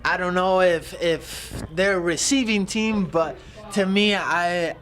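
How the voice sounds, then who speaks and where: A man doing excitable, rambling color commentation on a football game. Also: sits high, slow pace. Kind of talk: live sports commentary.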